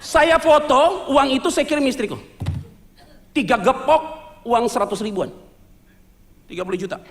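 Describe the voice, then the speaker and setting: Male pastor, high-pitched, animated storyteller, church reverb. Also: moderate pace, slight background noise. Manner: lively storytelling with jokes, mixing Indonesian slang and English words. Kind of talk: sermon testimony. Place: church sanctuary.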